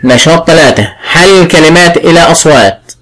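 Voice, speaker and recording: A man with an Egyptian accent teaching early reading, sounding out syllables slowly and clearly. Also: a little high, animated, fairly bright tone, poor audio. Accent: Egyptian Arabic. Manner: slow, drawn-out sounding of syllables. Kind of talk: classroom phonics lesson.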